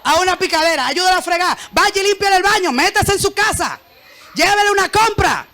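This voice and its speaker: A woman pastor preaches to her church, her voice very high-pitched and ringing bright. She keeps the sermon lively, joking and calling on the congregation to repeat her words after her. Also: a little fast.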